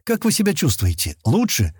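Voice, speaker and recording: A man's voice: fairly high pitch, wildly swooping pitch, normal speed, darkish tone, husky, no echo, studio quality, voice pushed up, exaggerated voice. A man reading as a blunt, wary space hunter. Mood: terse. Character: suspicious grown man, space hunter, terse. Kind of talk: audiobook reading.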